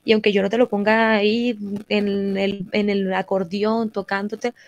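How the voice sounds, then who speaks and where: A woman's voice: medium pitch, level tone, a little slow, dry recording. A woman with a Caribbean Spanish accent from the Colombian coast, talking conversationally in an earnest, emphatic way and repeating phrases for emphasis. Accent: Colombian Caribbean (costeño). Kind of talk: conversational interview talk.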